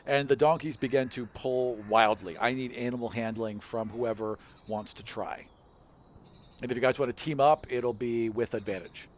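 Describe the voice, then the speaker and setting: A man's voice: mid-range voice, fairly even intonation, normal speed, a little hiss or hum. A man narrating a tabletop game as dungeon master, in a loose, casual way with plenty of fillers.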